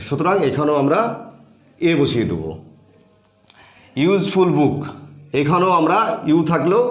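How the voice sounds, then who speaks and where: Patient male teacher in an echoey room. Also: on the high side. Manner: patient and step by step, with repeated phrases. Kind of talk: grammar lesson explaining on a board.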